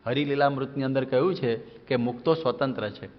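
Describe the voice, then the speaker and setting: Male monk, sermon, animated storytelling, mimics voices, echoing hall, muffled old recording. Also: mid-range voice, brisk.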